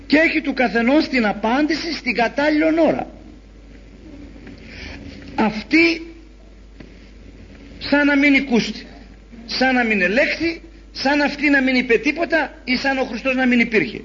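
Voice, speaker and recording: A man preaching a sermon in an animated storytelling way, acting out the voices he quotes. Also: very high voice, long pauses, a little hiss or hum. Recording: dull lo-fi recording.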